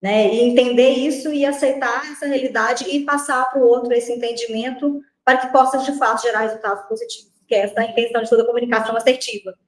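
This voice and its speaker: A woman from Brazil speaking as a guest trainer, quick and a little high-pitched. She builds her points in short stacked phrases, tagging many with "né", and the room around her rings with echo. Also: fairly even intonation. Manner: measured, list-like explanations, frequent "né". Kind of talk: interview answers.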